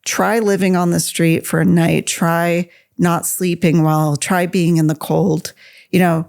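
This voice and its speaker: A woman with a gravelly voice speaking in an earnest, conversational way in an interview. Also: on the low side, flat delivery, unhurried, a little mellow.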